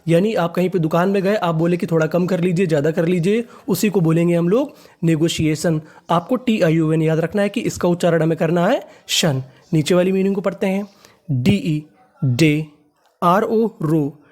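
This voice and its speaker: A man teaching English reading in a class. He spells out words, asks what they are read as, answers himself, and repeats each word slowly several times. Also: fairly high pitch, darkish tone. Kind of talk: classroom lesson.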